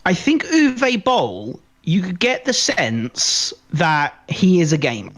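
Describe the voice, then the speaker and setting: A high-pitched, somewhat bright man speaks slowly, his pitch swinging hugely. He co-hosts a podcast, offering opinionated, emphatic film commentary in casual chat and frequently repeating phrases to stress them.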